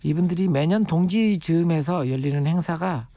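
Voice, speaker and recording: A man's voice: fairly high pitch, moderate pace, warm tone, no echo. A man on a radio show, a guest expert on urban farming, explaining patiently with everyday comparisons. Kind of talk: radio interview.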